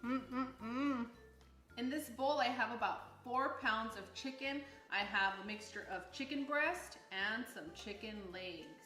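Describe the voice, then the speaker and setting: A woman's voice: a little high, lively intonation, a little slow, hardly any pauses, pushed and bright, echoey room, soft background music. Chatty woman hosting a cooking video. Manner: upbeat, chatty, laughs often. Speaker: cooking channel host. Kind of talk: casual cooking demonstration. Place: home kitchen.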